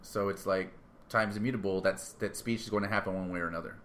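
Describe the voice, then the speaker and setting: A man chatting casually about a superhero film, acting out characters' lines in a softer voice. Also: low voice, fairly even intonation, quick pace, a little hiss or hum.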